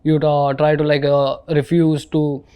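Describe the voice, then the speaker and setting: Man, podcast host, higher-pitched, smooth clear voice, fairly flat intonation, informal slang. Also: unhurried. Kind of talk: casual interview.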